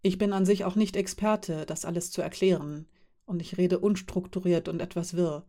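A woman reading the lines of a calm, friendly man who is part elf and part dwarf, explaining things with quiet amusement. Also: lowish voice, normal speed, close to an everyday voice.

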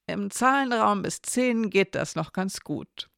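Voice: mid-range voice, lively intonation, takes it slowly, gravelly, fairly bright tone, clear, resonant tone, dry recording, clean studio sound, heavily acted. A storyteller reading the lines of Elena, a nervous but teasing young woman who speaks hesitantly and then hastily, in a storybook reading. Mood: unsure.

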